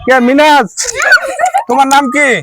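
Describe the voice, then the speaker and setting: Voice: high voice, little pitch movement, measured pace. Coaxing game host. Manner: coaxing, repetitive encouragement and cheering. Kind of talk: running a live kids' game. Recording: noisy crowd of children around.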